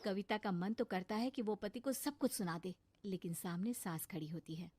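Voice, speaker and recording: A woman's voice: mid-range voice, moderate pace, darkish tone, slightly rough, no room sound. Woman narrating a storybook cartoon. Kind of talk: scripted narration.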